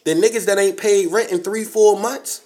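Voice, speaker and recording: A late-twenties man, co-hosting a casual podcast. He talks in an animated, joking, slangy way, with a voice a bit higher than most men's. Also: normal speed. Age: 20s. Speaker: podcast co-host.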